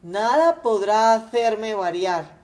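A woman's voice: on the high side, animated, takes it slowly, a little mellow. A woman voicing a stubborn young son who answers his father in curt, defiant replies.

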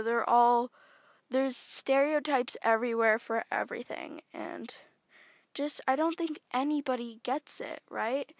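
A woman's voice: a little high, creaky, no echo. A teenage girl hosting her own podcast, talking casually in a rambling, chatty way with lots of fillers and self-corrections, close to her microphone. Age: teens. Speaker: podcast host. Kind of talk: casual solo podcast monologue.

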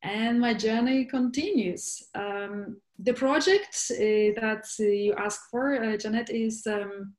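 A woman's voice: fairly high pitch, slow pace, few pauses, a little mellow. A woman from Poland, a guest in a casual interview, talking in a searching way with many fillers and restarts. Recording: echoey room.

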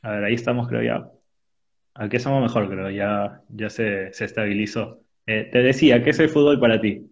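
A male interviewer asking short, direct questions in a quick question round, heard through a dull, choppy online call with a weak connection. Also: fairly low pitch. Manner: brief, direct questions with filler pauses. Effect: choppy, dull sound over a weak online call connection. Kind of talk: rapid-fire question round over a video call. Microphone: remote call audio.

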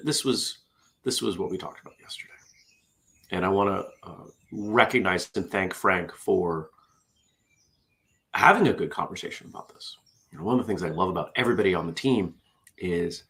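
A man's voice: low voice, gravelly, a bit bright. A middle-aged man hosts a casual morning show, chatty and self-deprecating as he reads out corny puns. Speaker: host. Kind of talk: casual morning show chat, reading jokes.

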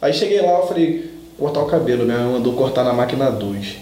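A man's voice: mid-range voice, lively intonation, mellow. A man telling stories in a casual podcast chat, full of slang. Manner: fast, slangy storytelling. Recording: very echoey room.

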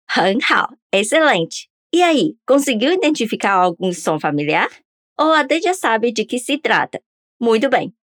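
A woman's voice: on the high side, big pitch swings, unhurried, fairly bright tone, dry recording, studio quality. A woman teaching a pronunciation lesson on a podcast, upbeat and coaxing listeners to repeat after her. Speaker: language teacher.

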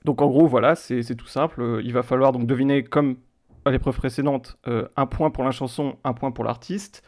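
A man hosting a casual quiz game among friends, chatty and repeating his rules, reading translated lyrics in a flat voice. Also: medium pitch, normal speed. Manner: chatty, repeats himself, reads lyrics flatly. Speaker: quiz host.

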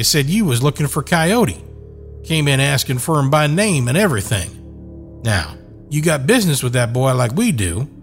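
A man's voice: fairly high pitch, pitched above the performer's own voice. A man putting on a mean young outlaw thug. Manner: threatening backcountry drawl with folksy grammar.

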